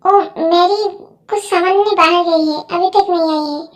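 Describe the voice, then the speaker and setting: A woman voicing a timid young wife who speaks softly and pleads hesitantly. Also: very high voice, fairly even intonation, moderate pace. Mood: meek pleading.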